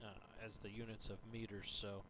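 A man narrating a software screen tutorial, haltingly dictating each step and typed entry piece by piece. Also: lowish voice, little pitch movement. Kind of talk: instructional screen-recording narration. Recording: clear background hum and noise.

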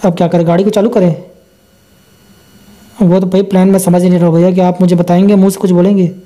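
A man's voice: sits high, level tone, fast, dark tone. Chatty young man commenting on a game. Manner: chatty, joking, talks to himself. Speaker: gameplay commentator. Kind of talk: casual gameplay commentary.

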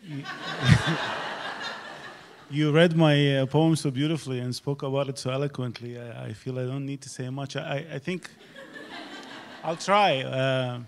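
An older man from Iraq, a poet speaking thoughtfully on an auditorium stage panel into a handheld mic, with halting restarts. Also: mid-range voice, steady tone, vocal fry. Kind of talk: reflective panel discussion.

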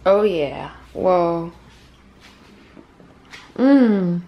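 A woman's voice: lowish voice, lively intonation, drawn-out words, muffled recording. A young woman talking casually to a handheld camera as she vlogs her day, rambling with lots of fillers. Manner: chatty, rambling, many "like" and "um" fillers. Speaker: vlogger. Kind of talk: casual daily vlog narration.

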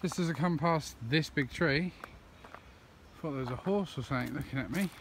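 A slightly high-pitched man talks at a moderate pace, chatting casually through his woodland cooking and hiking vlog with lots of ums. As an outdoors vlogger on a campsite and path, he rambles chattily, filmed on a phone held at arm's length, and the outdoor audio has clear background noise.

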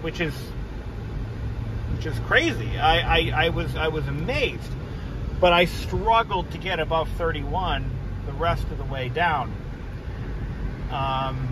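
A young man from New England chatting casually to camera while he drives, rambling and correcting himself with frequent ums. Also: a little high. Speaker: car vlogger. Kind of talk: casual driving vlog. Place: inside a moving car. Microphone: phone camera on the dashboard. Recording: car and road noise behind.

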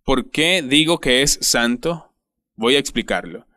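A man preaching a sermon in a deliberate, emphatic way, dwelling on repeated words. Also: mid-range voice, animated, pushed and bright, no echo, studio quality. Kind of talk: sermon voice-over.

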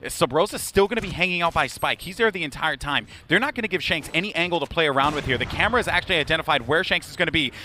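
A man's voice: a little high, lively intonation, very fast, few pauses, pushed and bright, a little hiss or hum. A man delivering play-by-play commentary as an esports caster.

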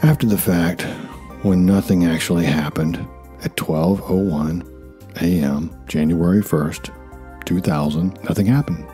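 Male narrator, forties, extremely low register, dry self-deprecating documentary read over faint music. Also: unhurried, warm tone. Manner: wry, self-deprecating asides. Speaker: YouTube narrator.

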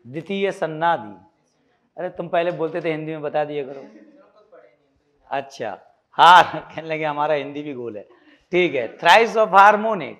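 With a fairly high, slightly bright voice, a man from India leads a physics lecture. He blends English terminology into Hindi, quizzes the class with repeated questions, and adds teasing asides.

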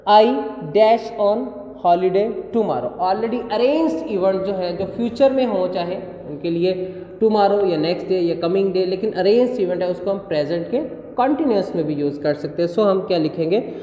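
A woman from Pakistan, teaching a grammar lesson online. She explains step by step, asks the class questions, answers them herself, and reads the English examples slowly and carefully. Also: medium pitch, mellow. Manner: slow, careful reading of English example sentences. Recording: echoey room with long reverb.

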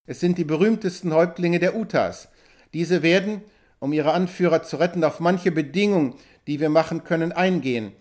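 A man reading as a calm, clever frontier hunter. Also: a little high, close to an everyday voice. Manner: calm, measured reasoning.

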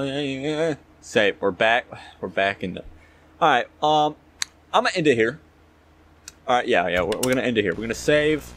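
A young guy streaming a horror game. His pitch jumps around as he reacts like a jittery, scared player, talking to himself in casual slang. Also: fairly bright tone. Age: young adult. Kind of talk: casual gameplay commentary.

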